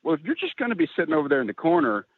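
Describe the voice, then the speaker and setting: A man's voice: fairly high pitch, huge pitch swings, rapid-fire, no echo, voice pushed up. A man doing his blunt, needling mother. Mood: scolding. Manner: sharp, needling, no-nonsense. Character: blunt, teasing mother of a grown son. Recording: tinny phone-like line, dry.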